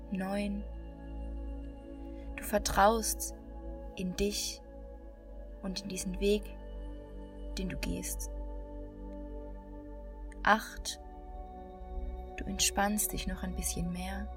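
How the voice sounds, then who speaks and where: Langsame, hypnotisch ruhige Frauenstimme, geführte Meditation. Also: female voice, mid-range voice. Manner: slow, calm, soothing hypnotist-like delivery with long pauses. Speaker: meditation guide. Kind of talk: guided meditation, slow hypnotic countdown. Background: new-age music.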